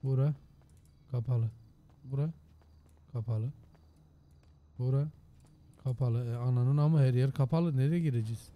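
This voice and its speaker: Hoarse, foul-mouthed male game streamer. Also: mid-range voice, steady tone, measured pace, long pauses. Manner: loud, joking and heavily profane. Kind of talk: casual gaming livestream commentary.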